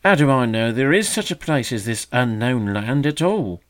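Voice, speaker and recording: A man's voice: medium pitch, expressive, normal speed, pitched above the performer's own voice, lightly acted. A man voicing a conceited older male magpie who mocks with fake solemnity, raised and pointed. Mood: mocking. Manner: sneering mock solemnity.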